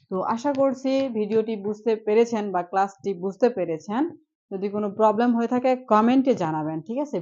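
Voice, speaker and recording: A woman's voice: mid-range voice, darkish tone, lo-fi sound. A woman giving an online English pronunciation lesson, patiently repeating each point and checking that the students follow. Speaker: English teacher.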